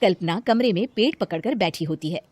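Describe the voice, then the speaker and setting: A woman's voice: mid-range voice, animated, brisk, a little mellow, no room sound. A woman narrating a cartoon story in a plain storytelling manner.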